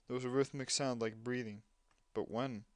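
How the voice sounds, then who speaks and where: A man's voice: mid-range voice, fairly even intonation, normal speed, dry recording. A man doing let's play commentary, reading game dialogue aloud and breaking off with sarcastic asides. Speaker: gamer playing a game.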